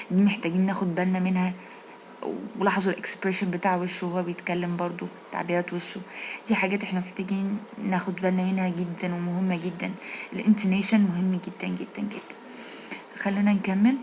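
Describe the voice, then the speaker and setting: Egyptian woman, English teacher, low-ish voice, slow drawn-out example phrases, faint noise. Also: darkish tone, poor audio. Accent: Egyptian Arabic. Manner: explains slowly, repeats English phrases drawn out. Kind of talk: casual video lesson.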